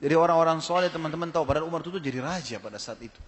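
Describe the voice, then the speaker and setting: A man's voice: on the high side, racing, in a large hall. A man preaching a sermon to a live audience, emphatic and full of rhetorical questions.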